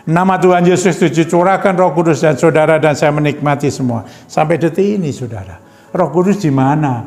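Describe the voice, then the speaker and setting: Brief: male evangelist, conversational sermon, slightly high voice, long hall reverb, soft music behind. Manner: conversational, repeatedly addressing the congregation. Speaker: evangelist preacher. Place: church hall.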